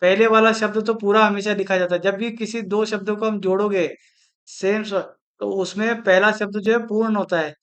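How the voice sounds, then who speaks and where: A man teaching a Hindi spelling lesson for exam preparation, slowly repeating each word and explaining its correct form. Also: sits high, fairly even intonation. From India.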